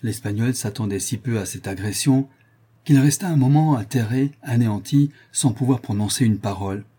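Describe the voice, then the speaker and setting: A man reading a seafaring novel aloud as narrator, measured and steady. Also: mid-range voice, breathy edge. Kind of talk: audiobook reading.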